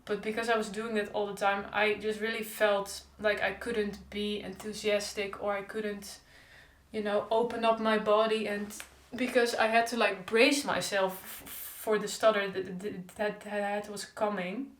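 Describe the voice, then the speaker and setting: In her diary-style vlog, a young woman stutters openly on repeated sounds, her mid-range voice flat and unhurried. The room around her echoes.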